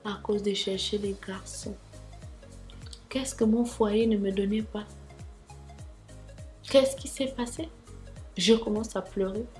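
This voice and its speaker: A woman's voice: mid-range voice, slow pace, long pauses, darkish tone, faint music behind. A young woman telling a dramatic storytime vlog, talking straight to her viewers with asides. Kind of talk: animated storytime monologue.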